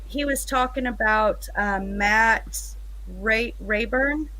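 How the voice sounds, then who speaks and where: A woman's voice: a little high, slow pace, bright, forceful tone, low-quality recording. A woman guest on a video-call panel, talking casually with some hesitation.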